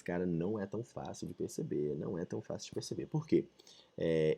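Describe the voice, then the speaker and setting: A young Brazilian man teaching literature in a relaxed, chatty way, with a lowish, warm and mellow voice. He talks to students like a friend, full of slang and the odd English phrase. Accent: Brazilian Portuguese. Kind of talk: casual video lesson.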